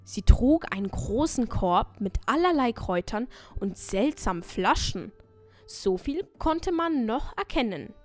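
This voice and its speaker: A woman's voice: on the high side, very animated, measured pace. A woman narrating a children's story as a scripted audio tale. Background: faint music.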